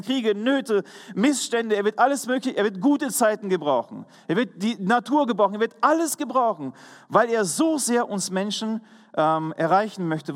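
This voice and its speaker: A man delivers a sermon in a high, earnest voice, stressing his points and sometimes restarting a phrase. His words ring out with the long reverb of a church hall. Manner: earnest, emphatic preaching with pauses and self-corrections. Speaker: preacher.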